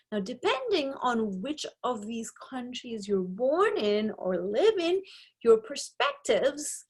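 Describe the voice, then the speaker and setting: A young Nepali woman with a fairly high, slightly breathy voice explains sociology concepts in a recorded slide lecture, captured on a webcam. English is her second language, and her explanatory delivery is sprinkled with frequent "right?" check-ins.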